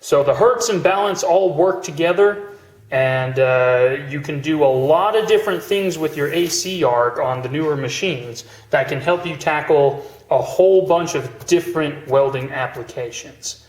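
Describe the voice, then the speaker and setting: A man's voice: on the high side, a little slow, reverberant, poor audio. A man giving an informal hands-on welding tutorial, explaining each step casually, with machine noise behind him. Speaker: welding instructor. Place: room or workshop beside welding machine. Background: steady welding machine noise.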